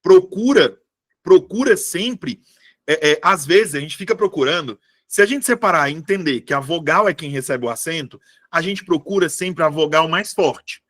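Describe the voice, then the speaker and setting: Man, teacher, live online class, chatty, keeps asking if students follow, slightly high voice. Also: animated, normal speed, a bit bright. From Brazil. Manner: chatty, asks students constant checking questions. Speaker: Portuguese teacher for civil service exam prep.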